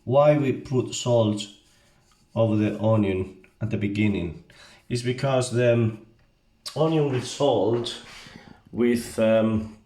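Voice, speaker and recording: A man with a Basque accent and non-native English gives a casual, halting, step-by-step cooking tutorial as an amateur home cook. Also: medium pitch, dark tone. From Basque Country. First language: not English. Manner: halting, step-by-step, often checking with "okay?". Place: home kitchen, indoors. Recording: echoey room, background hiss and clicks.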